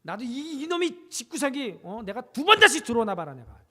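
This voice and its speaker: A woman's voice: high-pitched, sing-song, fairly quick, pushed and bright, exaggerated voice. Woman acting out a defiant teenage son. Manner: sulky, scornful retorts. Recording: long reverb of a church sanctuary.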